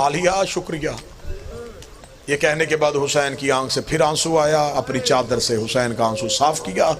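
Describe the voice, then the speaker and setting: A man's voice: mid-range voice, fairly even intonation, normal speed, a crowd in the background. A man preaching a mourning sermon from the pulpit, telling the story in emotive rhythmic lines. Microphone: pulpit microphone. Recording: noisy live gathering recording.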